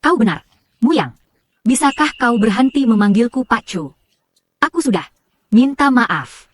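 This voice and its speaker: A woman's voice: a little high, sing-song, measured pace, no room sound. A woman voicing a spoiled, hot-tempered young female manager in a dubbed drama, petulant and demanding. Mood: pleading. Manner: petulant and demanding, then coaxing.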